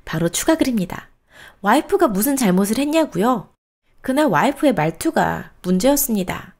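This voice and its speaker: A woman hosting a storytelling channel, reading a reader's post aloud in an expressive, steady cadence. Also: fairly high pitch, normal speed.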